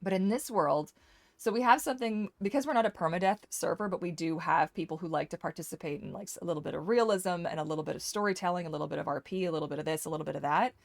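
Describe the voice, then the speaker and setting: A woman with a slightly low voice hosts a live game stream. She chats casually and playfully with her viewers as she plays, welcoming them and teasing them along the way. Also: racing, creaky. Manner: welcoming, chatty host addressing viewers directly. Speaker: host of a live game stream and community server. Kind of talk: casual chat while playing a game.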